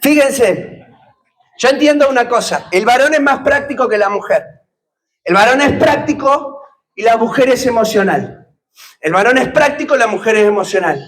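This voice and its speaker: A man's voice: extremely high pitch, lively intonation, moderate pace, fairly bright tone, low-quality recording. A man preaching a sermon, putting questions to the congregation and joking with them. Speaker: pastor.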